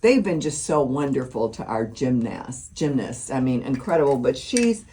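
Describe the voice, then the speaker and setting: A woman with a low, mellow voice co-hosts a casual talk show. She is opinionated and talks over the others. A faint noise sits under the recording. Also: sing-song, moderate pace. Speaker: co-host. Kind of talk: casual chat.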